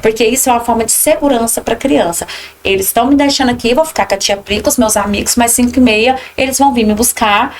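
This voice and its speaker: A Brazilian preschool teacher talks in a casual podcast conversation, warm and reassuring, and she acts out the lines she uses with children and mothers. Her voice sits fairly high for a woman. A faint hiss of noise runs under the recording. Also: fast talker. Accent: Brazilian Portuguese. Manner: warm, reassuring, tells anecdotes with quoted lines.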